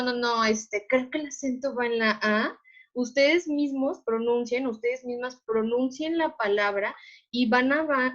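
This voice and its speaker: Fairly high-pitched woman teaching over a call. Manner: patient, checks understanding with repeated questions. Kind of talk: online class teaching. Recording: lo-fi video call audio.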